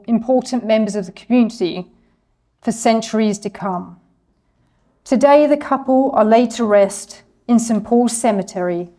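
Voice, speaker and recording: A woman's voice: fairly high pitch, warm tone. A woman giving a scripted history presentation to an audience, reading steadily and stumbling a little over the French names. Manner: reads from a script, apologizes for her French pronunciation.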